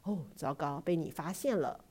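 A woman's voice: low voice, normal speed, darkish tone, husky. A woman doing a stern caring father. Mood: gentle.

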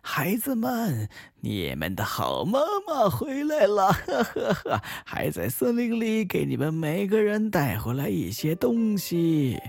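A man's voice: wildly swooping pitch, a little slow, gravelly, hardly any pauses, darkish tone, no room sound, exaggerated voice. A man voicing a sly hungry wolf who fakes a sweet mother's voice, sugary and scheming. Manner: sugary falsetto with a sly edge.

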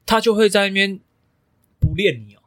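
Fast-talking, profane man. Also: sits high, fairly bright tone, dry recording. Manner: swears freely, emphatic storytelling. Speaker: podcast co-host, coach. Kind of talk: casual podcast chat.

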